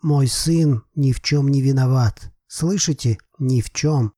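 A proud, hot-tempered old father, pleading in heavy, slow, emphatic phrases, as a male narrator acts him out. His voice is warm and husky, recorded dry and close for an audiobook. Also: mid-range voice, no room sound. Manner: emphatic, pleading, broken grammar.

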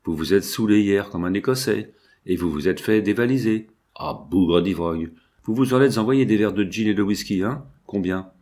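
A man voicing a stout, boastful old sea captain who talks in a gruff, scornful way. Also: lowish voice, moderate pace, a little mellow, natural voice. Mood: scolding. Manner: blustering, gruff, contemptuous.

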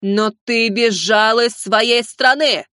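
A stern, imperious old great-grandmother, voiced by a woman in an audiobook. She scolds coldly and commands, in a rather high voice. The sound is dry and close. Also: steady tone, slow pace, a bit bright, clean tone, dry recording. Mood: furious.

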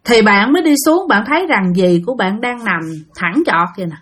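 A woman's voice: on the high side, lively intonation, brisk, a bit bright, slightly rough. Chatty woman storyteller. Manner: chatty, addresses listeners directly, vivid retelling. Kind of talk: casual spooky storytelling narration.

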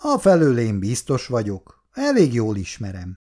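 A man's voice: mid-range voice, wildly swooping pitch, a little mellow. A man reading aloud as an apologetic, unsure young factory worker.

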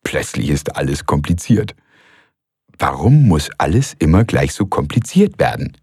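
A man calmly reading a story aloud as the narrator, in a measured way. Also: rumbling low, breathy edge, no echo, studio quality. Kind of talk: scripted audiobook narration.

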